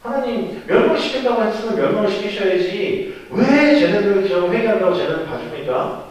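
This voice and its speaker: Man doing a petulant, indignant prophet, high and loud, heard from across a reverberant hall. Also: sing-song, fast. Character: indignant, sulking male prophet. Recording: echoey church hall, distant mic.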